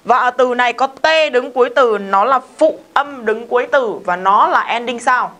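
A woman's voice: on the high side, normal speed, a bit bright. A woman, teaching an English lesson in a casual, emphatic way and often asking her students questions. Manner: chatty, emphatic, talks straight to students with questions.

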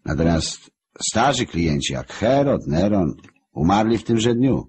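A man narrating an audiobook in a wry storytelling manner, with a husky voice. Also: lowish voice, very animated, a little slow, a little mellow.

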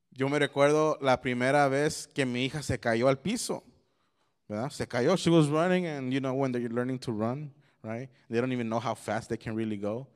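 A young adult man giving a youth sermon, switching between Spanish and English and telling stories with lots of animation. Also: mid-range voice. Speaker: youth pastor.

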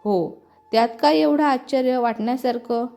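A sharp-tongued young bride-to-be with a sarcastic comeback for everything, as a woman reading a storybook puts her on. The tone is warm and sits a little high. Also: normal speed, creaky, soft background music. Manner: retorting, sarcastic.

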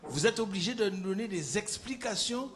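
A man in the audience puts a question to the speaker, stalling and restarting as he searches for the right words. His voice sits fairly high for a man. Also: lively intonation, normal speed. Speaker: audience member asking a question.

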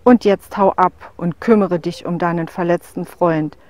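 A woman's voice: lowish voice, fairly even intonation, unhurried, a little mellow, no room sound, close to an everyday voice. A woman voicing a huge young male wolf in a storybook tale, blunt and scornful, talking with a growl.

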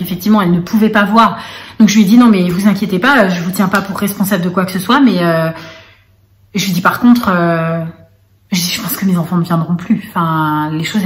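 Woman vlogger, face-cam storytelling, halting and full of fillers, roomy echo. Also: medium pitch. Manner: recounting with many fillers and quoted dialogue. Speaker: vlogger and mother. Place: indoor room. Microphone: camera mic.

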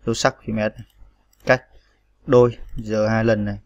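A man's voice: on the low side, little pitch movement, normal speed, dry recording, lo-fi sound. A man teaching typing step by step, patiently spelling out each key with frequent fillers. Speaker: computer tutorial instructor. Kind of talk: step-by-step screen tutorial.

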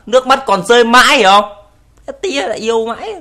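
A man's voice: extremely high pitch, fairly quick, sharp tone. A young man casually commenting on video clips, teasing and joking, laughing often and swearing in English. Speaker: YouTuber reacting to videos.

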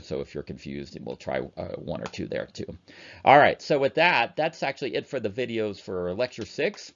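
A man teaching an online chemistry lecture, talking casually as he works through problems on a calculator. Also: low-pitched. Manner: casual, chatty, talks while working calculator problems. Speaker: chemistry instructor. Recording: dull lo-fi recording.

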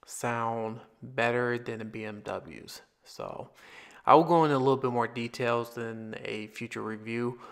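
A man's voice: mid-range voice, fairly bright tone, smooth. A man talking casually through a speaker unboxing, rambling, repeating himself and restarting phrases. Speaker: tech reviewer.

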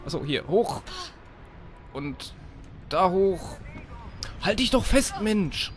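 A man commentating his own gameplay, yelping, swearing and shouting orders at the game character. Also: high-pitched, big pitch swings, takes it slowly. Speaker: let's play host.

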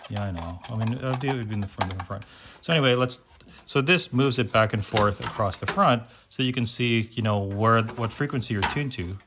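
Speaking fairly quickly in a lowish voice, this host dismantles electronics and explains his hands-on work casually as he goes. Clicks and handling noise fill the hobbyist recording.

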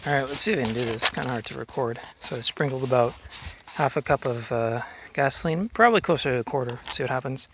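A man's voice: medium pitch, quick pace, background noise. A young man casually narrating an outdoor vlog on a handheld camera, rambling with many fillers as he thinks aloud. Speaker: vlogger showing a fuel tank. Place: outdoors in a grassy yard. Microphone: handheld camera mic.

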